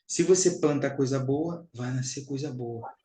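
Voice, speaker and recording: A man's voice: medium pitch, moderate pace, dark tone, echoey room, low-quality recording. A Brazilian man giving a spiritual teaching talk, emphatic and repetitive, calling his listeners brothers and sisters.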